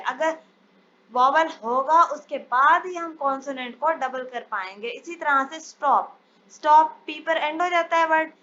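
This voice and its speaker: A woman teaching English spelling rules in a step-by-step lesson, reading each English rule out slowly before explaining it. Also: high-pitched, bright, forceful tone. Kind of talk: spelling lesson over slides. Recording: dull lo-fi sound, faint hiss.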